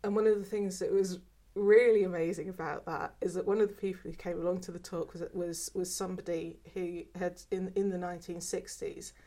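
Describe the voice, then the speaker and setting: This former archive worker is an English woman in her fifties whose voice is fairly low and dark. Interviewed for an oral history, she talks hesitantly and often repeats words, with a mixed accent that is mostly southern English.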